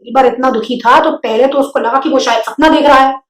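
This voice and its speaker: A woman storyteller reading a children's story aloud in a lively, expressive way. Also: sits high, quick pace. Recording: roomy echo.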